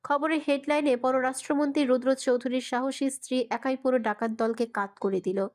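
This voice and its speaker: A woman's voice: high voice, fairly even intonation, fairly quick, darkish tone. Woman narrating a romance story.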